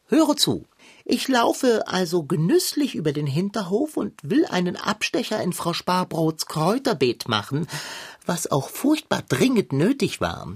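A woman's voice: mid-range voice, husky. A woman voicing a fussy, dramatic male pirate tomcat in a children's audio play, talking in a pompous, indignant way.

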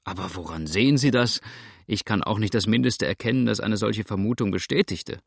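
A man's voice: fairly low pitch, brisk, vocal fry, husky, no room sound, clean studio sound. A man voicing a doubtful, puzzled male companion in an audiobook, asking skeptical questions. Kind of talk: audiobook character reading.

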